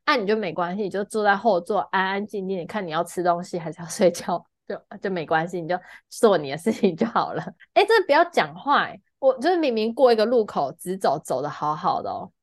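A woman with a Taiwanese Mandarin accent co-hosting a podcast, telling a story in casual chat and loudly acting out the people in it. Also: mid-range voice, fast talker, few pauses, no room sound, studio quality. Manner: animated storytelling, loudly acting out shouting passengers. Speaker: podcast co-host.

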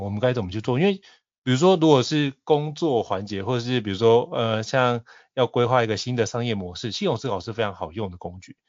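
Male host, rapid delivery, eager interviewer; dry, slightly dull sound. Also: lowish voice, no echo. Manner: enthusiastic, recommending and probing. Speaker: podcast host. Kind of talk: interview questions and commentary.

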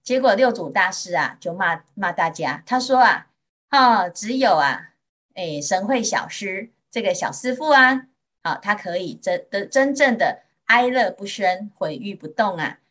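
A Taiwanese Buddhist nun teaching sutra delivers a Mandarin sermon in a gentle, storytelling style, stretching out her particles with a Taiwanese accent. Her female voice sits in the mid range and sounds animated.

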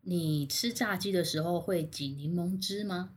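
A woman's voice: on the low side, measured pace, breathy edge. A woman co-hosting a casual podcast, steering the talk with questions. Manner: leads with questions, steers the topic. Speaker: podcast co-host.

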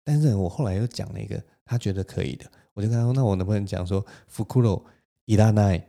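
A man with a Taiwanese Mandarin accent, telling a story on his own podcast in a lively way and laughing now and then. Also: on the low side, very fast, vocal fry. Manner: animated, laughs between lines. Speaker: podcast host. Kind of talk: solo storytelling.

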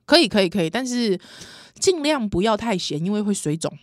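Lively Taiwanese woman, laughing storyteller. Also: mid-range voice, a little fast, no echo, studio quality. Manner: laughs often, animated storytelling, slips into Taiwanese. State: pregnant. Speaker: podcast co-host. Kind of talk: casual chat.

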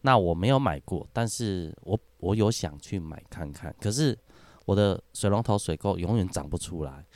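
A man's voice: sits low, animated, moderate pace, a little mellow, no echo. A man, a podcast guest chatting casually and laughing often as he tells stories. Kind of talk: casual chat.

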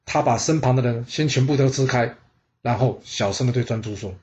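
A man telling history stories in a lively, conversational narration. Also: mid-range voice, a little fast, lo-fi sound. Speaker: storyteller. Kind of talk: scripted history storytelling.

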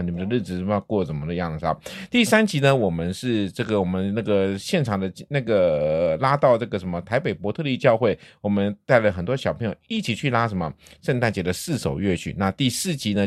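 A woman's voice: extremely low pitch, animated, fairly quick, few pauses, darkish tone, no echo, studio quality. A woman hosting a casual talk show with children, playfully teasing and quizzing them. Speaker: podcast host.

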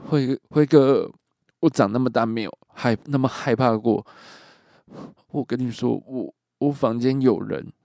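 A man's voice: mid-range voice, moderate pace, dark tone, no echo, studio quality, voice pushed up, lightly acted. A man voicing a terrified young man who stammers in panic on a phone call.

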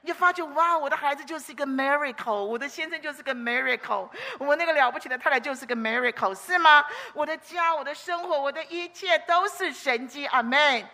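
A woman preacher, giving a sermon with animated storytelling and exclamations. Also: high-pitched, brisk, hardly any pauses.

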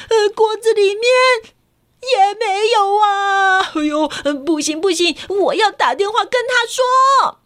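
A woman's voice: very high-pitched, a bit bright, pitched above the performer's own voice. A woman voicing a panicked, fussy peanut mother in a children's storybook, talking in a frantic, fretting rush.

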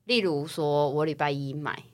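A young woman from Taiwan, co-hosting a casual podcast chat and telling personal stories in a chatty, animated way. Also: sits low, moderate pace. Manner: chatty, animated storytelling with rising excitement. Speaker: podcast co-host.

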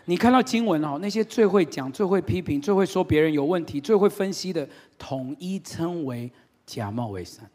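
A man's voice: a little high, expressive, moderate pace, warm tone. A male pastor preaching a sermon, telling stories with humor and emphatic, repetitive lines.

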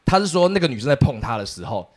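A man telling a story as a podcast co-host, animated and acting out the people in it. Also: medium pitch, fast talker. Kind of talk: casual storytelling chat.

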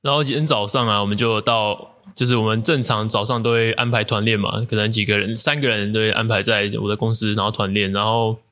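A man with a Taiwanese Mandarin accent chats loosely into the camera, a fitness coach telling a story. He talks quickly and keeps it crude and joking, dropping slang swear words as he goes. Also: fairly low pitch, fairly even intonation, pushed and bright. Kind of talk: casual storytelling vlog.

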